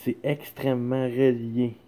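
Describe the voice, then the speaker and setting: A man's voice: medium pitch, level tone, unhurried, dark tone, slight background noise. A man with a Quebec French accent making a rambling, insistent personal plea, repeatedly checking that he is understood. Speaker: son speaking to his mother.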